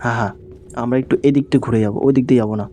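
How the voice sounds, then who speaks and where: Young male gaming streamer, horror let's play, jumpy and panicky, mid-pitched, light hiss. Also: fairly even intonation, rapid-fire, mellow. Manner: jumpy, panicky, talks to viewers. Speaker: gaming YouTuber.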